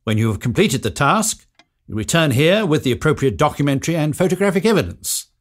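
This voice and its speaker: Punctilious solicitor male actor, officious and precise, animated intonation, audio drama role. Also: fairly high pitch, a little fast. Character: formal, punctilious solicitor executing a will.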